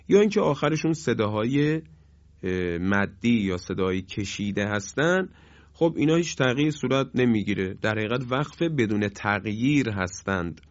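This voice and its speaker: A man gives a recitation lesson. He explains in a steady, middle-pitched voice and lingers over each example word, drawing it out. The recording is dry and somewhat muffled. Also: dry recording. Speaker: Quran recitation teacher. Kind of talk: recorded lesson on pausing rules in Quran reading.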